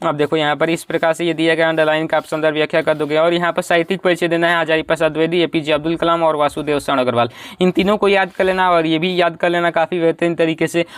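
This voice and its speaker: A young man teaching an exam preparation lesson. He explains each step, keeps checking that students follow, and slows down to read verses aloud. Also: on the high side, a bit bright, clear, resonant tone, dry recording.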